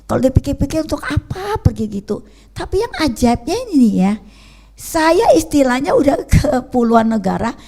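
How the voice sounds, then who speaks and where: An older woman from Bangka preaching a testimony sermon, telling stories in a lively way and often asking the congregation "ya kan?". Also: sits high, moderate pace, vocal fry. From Pangkal Pinang, Bangka, Indonesia. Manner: lively storytelling with frequent rhetorical "ya kan?". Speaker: preacher, evangelist.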